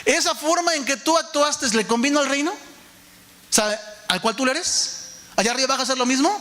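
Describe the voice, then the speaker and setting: Male pastor, forties, high and bright, animated sermon delivery with rhetorical questions. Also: moderate pace. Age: 40s. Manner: animated preaching, many rhetorical questions, calls the audience "hermano".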